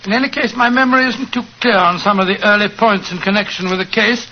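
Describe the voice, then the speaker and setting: An actor playing a genial, fussy older English doctor with an avuncular, hesitant manner in 1940s radio drama. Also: male voice, high-pitched, fairly even intonation, fast talker, natural voice. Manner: avuncular, hesitant, bumbling courtesy. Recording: muffled, hissy 1940s radio recording.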